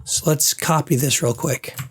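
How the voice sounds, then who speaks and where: A man's voice: on the high side, unhurried, slightly rough. A man thinking aloud as he works through a game-building session on screen, muttering to himself and trailing off, his voice starting to give out. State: losing his voice. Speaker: game developer.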